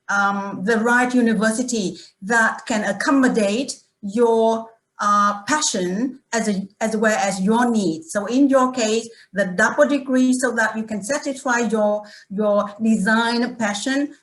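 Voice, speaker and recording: A woman hosts an online panel, her slightly high voice carrying a noticeable room echo. She stops and restarts often, filling gaps with "you know". The sound comes through a video call. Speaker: webinar host. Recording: roomy echo.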